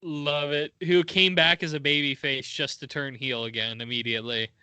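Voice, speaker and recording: A man's voice: a little high, little pitch movement, normal speed, pushed and bright, clean tone, dry recording. A man co-hosting a podcast, recapping events in casual chat and laughing often. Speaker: podcast co-host.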